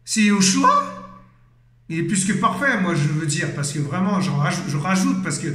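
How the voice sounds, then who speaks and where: A man's voice: high voice, lively intonation, normal speed, fairly bright tone, echoey room. A man giving an impassioned, fervent exhortation as a preacher, emotional, exclaiming and repeating himself.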